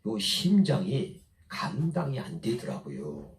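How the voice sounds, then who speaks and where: Man, Chungcheong accent, folksy-fiery orator; very animated pitch, recorded distant in a roomy space. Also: slow. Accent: Chungcheong Korean. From Chungcheong, Korea. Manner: swings between drawling dialect and fiery oratory. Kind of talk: folksy impassioned speech. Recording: echoey, mic from far off.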